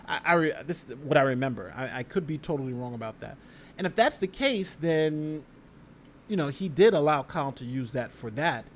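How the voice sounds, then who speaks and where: A lawyer-type male livestream host gives casual live legal commentary, reading a document aloud and reacting to it. His slightly high voice is expressive and a little fast, and he speaks conversationally and emphatically, repeating phrases and addressing viewers directly, with some background noise.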